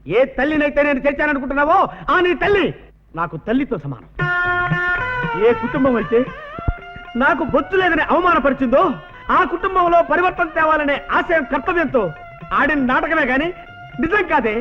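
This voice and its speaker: Scheming bald son-in-law, smug, very high voice, muffled old film audio. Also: male voice, expressive, fairly quick, long pauses. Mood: indignant. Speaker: film comic actor. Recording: dull old film soundtrack with music.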